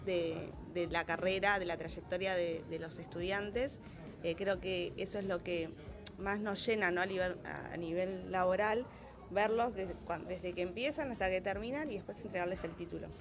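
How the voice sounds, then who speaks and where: A woman in her thirties with an Argentine accent talks casually about her work, pausing often on fillers. Clear background music runs beneath her voice throughout. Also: fairly low pitch. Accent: Argentine Spanish. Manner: hesitant, many fillers. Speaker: university staff member interviewed. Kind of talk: casual testimony.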